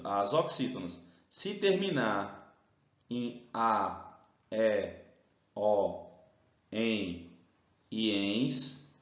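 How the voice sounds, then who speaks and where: A Brazilian male teacher works through an exam-prep grammar lesson, explaining each step and drawing out the stressed syllables. His voice sounds roomy and slightly dull. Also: medium pitch. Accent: Brazilian Portuguese.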